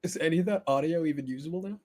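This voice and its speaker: A man chatting casually as a podcast co-host, rambling and stammering, with a dry throat he keeps clearing. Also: a little high, racing, a little mellow, slight background noise. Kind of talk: casual chat. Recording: faint intro music looping behind.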